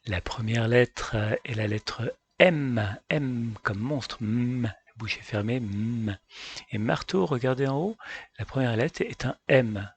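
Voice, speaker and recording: A man teaching a phonics lesson for young children, calmly addressing parents and carefully sounding out each letter. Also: mid-range voice, measured pace, husky. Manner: addresses parents directly, calm and patient.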